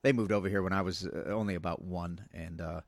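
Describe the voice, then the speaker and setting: A comedian born in Iran and raised in the United States joins a casual podcast chat as a guest. He is soft-spoken and halting, with many fillers and restarts. His low-pitched voice has fairly even intonation and no room sound.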